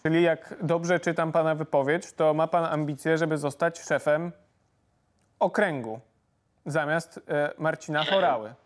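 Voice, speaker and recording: A man in his thirties hosting a political interview in a studio, pressing his guest with brisk questions. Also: on the high side. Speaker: interviewer, news host. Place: TV studio, indoors.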